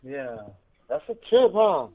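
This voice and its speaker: A man calling from prison chats casually over a tinny, band-limited prison phone line, using slang and switching between two languages. His voice is fairly high-pitched and very animated, though he speaks at a slow pace.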